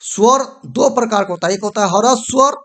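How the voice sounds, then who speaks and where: A male grammar teacher with a high, fairly bright voice works from a whiteboard. He keeps repeating points, asks "ठीक है" frequently, and halts to correct and erase his writing.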